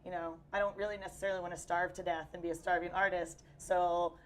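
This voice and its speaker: Her voice is on the low side, flat and fast: a young cosplayer from Texas, judging by her accent, chatting casually as an interview guest in a busy convention hall. Though losing her voice, she stays upbeat and uses plenty of fillers.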